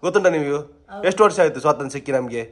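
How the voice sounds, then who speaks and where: A man's voice: fairly high pitch, animated. Teasing young man. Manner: teasing, rapid questioning, laughing. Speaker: vlogger interviewing family members. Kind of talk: playful teasing family vlog chat.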